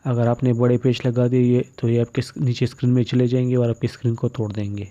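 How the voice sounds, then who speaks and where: In a muffled, dull lo-fi voice-over, a phone repair presenter lays out the steps in a matter-of-fact way. He talks fast in a level, dark-toned, mid-range voice.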